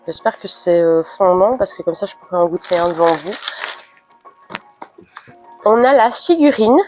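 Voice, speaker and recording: A woman's voice: on the low side, lively intonation, normal speed, over music. A woman with a cold and a stuffy, nasal voice, chatting casually through an unboxing with frequent hesitant fillers. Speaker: unboxing vlogger.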